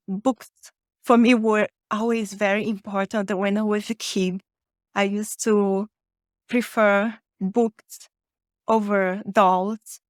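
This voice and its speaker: Her mid-range voice is smooth with a darkish tone, captured in a clean studio with no room sound. She's a Brazilian author and podcaster from Rio de Janeiro, a native Portuguese speaker with a Brazilian accent, chatting as an interview guest.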